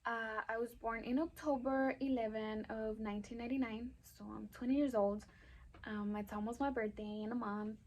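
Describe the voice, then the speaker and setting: A woman's voice: fairly high pitch, fairly even intonation, normal speed, darkish tone, slight background noise. A woman in her twenties with an El Paso Texan accent, talking casually to camera in a Q&A, with lots of "um"s and "like"s. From Texas, USA. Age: 20s. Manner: chatty, many "um"s and "like"s. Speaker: vlogger.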